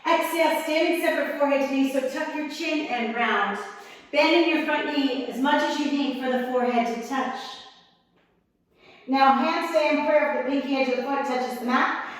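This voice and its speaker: A woman teaching a yoga class, giving calm, encouraging cues with slightly strained breath as she holds the poses herself. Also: high voice, moderate pace, heavy reverb, in a large hall, far from the mic, poor audio. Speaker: yoga instructor. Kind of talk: guided yoga class instruction.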